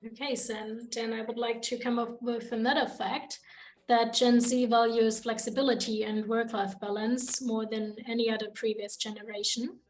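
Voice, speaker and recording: A young woman from Germany hosting a student podcast, reading prepared points in a measured way. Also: fairly high pitch, little pitch movement, soft background music, poor audio. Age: young adult. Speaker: podcast host. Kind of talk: student podcast, read from notes.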